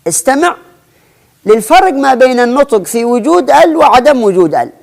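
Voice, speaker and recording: A woman teaching an Arabic spelling lesson, often restarting and repeating phrases and slowing down to spell out example words. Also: high-pitched, big pitch swings, creaky, a little mellow. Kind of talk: explanatory lesson.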